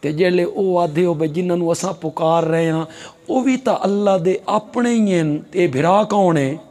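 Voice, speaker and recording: A man preaching a sermon at a religious gathering, swinging between hushed asides and loud rising exhortation, full of rhetorical questions. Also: sits high, unhurried. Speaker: Islamic scholar preaching. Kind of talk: fiery Punjabi sermon. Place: conference gathering.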